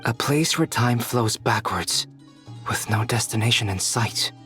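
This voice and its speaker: An actor playing a calm, thoughtful young scholar in a video game, speaking in a measured way. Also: male voice, medium pitch, faint music behind, close to an everyday voice.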